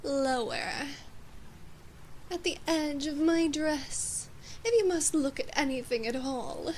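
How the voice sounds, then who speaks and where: In a heavily acted scripted ASMR roleplay, a woman with a high, expressive voice plays a domineering demon queen who issues cold commands to her human knight. She sounds imperious, measured and condescending, drifting into breathy whispers at times. The recording is rough, with a little hiss or hum.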